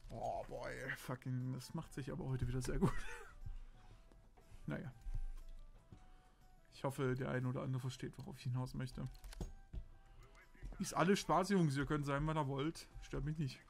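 A man's voice: mid-range voice, fairly even intonation, moderate pace, creaky, pauses often, soft background music. A young man from Berlin giving rambling, crude, casual commentary while playing a shooter game. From Berlin, Germany. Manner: rambling, crude, self-justifying chatter. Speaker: let's play commentator.

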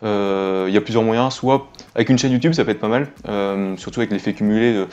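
This time the young interviewee, a web entrepreneur in his twenties, talks fairly quickly in a low, darkish voice. The audio is dull, and the setting is a small indoor room with a wooden ceiling, where he rambles casually and informally.

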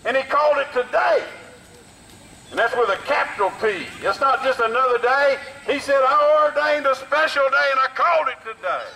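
A man's voice: extremely high pitch, normal speed, creaky, pushed and bright, a little hiss or hum, rough recording. A middle-aged man preaching an outdoor sermon through a handheld megaphone to children, in a fiery call-and-response manner. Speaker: street preacher. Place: outdoors on a parking lot with children.

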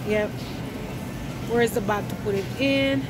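A woman's voice: fairly high pitch, a little slow. A young woman with a Jamaican accent chatting to viewers as she walks through a large supermarket, filming on a phone at arm's length, laughing often. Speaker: vlogger. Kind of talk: casual vlog chat. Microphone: phone held at arm's length. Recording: loud store background noise.

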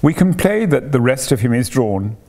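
A man reading aloud and voicing an eager, bright little cave girl who pleads earnestly and bubbles with excitement. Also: medium pitch, moderate pace.

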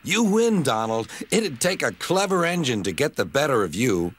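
A man's voice: medium pitch, big pitch swings, moderate pace, fairly bright tone, breathy edge, voice pushed up. A man voicing an earnest, proud, hardworking male steam engine in a storybook reading. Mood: good-humoured. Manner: eager and earnest.

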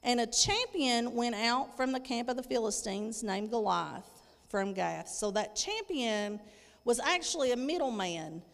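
The sermon comes from a woman in her thirties, her voice on the high side, expressive, measured, and touched with vocal fry. She reads and emphatically explains scripture, repeating phrases for emphasis, holding a handheld mic at a lectern on a church stage where the sound echoes at length.

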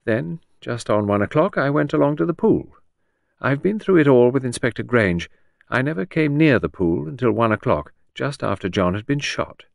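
A man's voice: mid-range voice, expressive, normal speed, gravelly, dry recording, studio quality, pitched above the performer's own voice. A man voicing a composed young woman under suspicion, cool and lightly mocking, in an audiobook. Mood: defiant. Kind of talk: audiobook character voice.

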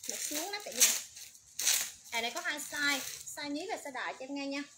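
A woman's voice: high voice, animated, normal speed, noisy background. A woman running a livestream sale, rattling off product codes and prices in a repetitive sales patter. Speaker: livestream seller.

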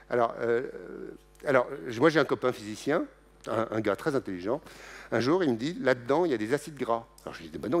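A middle-aged man giving a public science lecture, joking and lively, with many restarts and asides. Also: mid-range voice. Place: lecture hall.

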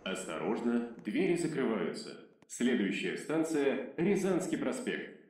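Man announcing over a train loudspeaker. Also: medium pitch, big pitch swings. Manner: slow, formal, evenly spaced phrasing. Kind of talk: recorded transit announcement. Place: inside a metro train car. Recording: echoey loudspeaker from far off, noisy.

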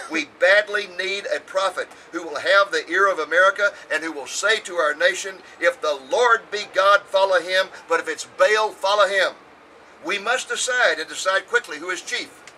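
A man's voice: high-pitched, sharp tone, far from the mic, a little hiss or hum, rough recording. A man reading a sermon aloud with earnest, emphatic oratory, outdoors on a hilltop. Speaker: preacher.

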